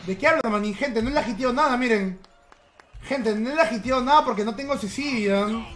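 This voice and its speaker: A man's voice: very high-pitched, fairly quick, fairly bright tone, a little hiss or hum. A man giving casual, teasing live-stream commentary while he plays and chats with his viewers. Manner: playful, teasing, chatty with viewers. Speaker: game streamer.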